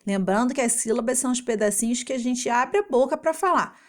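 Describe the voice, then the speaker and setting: In Brazilian Portuguese, a woman teacher patiently and slowly walks young children through a homework lesson, sounding out syllables. Her voice sits a little high, with a lively intonation.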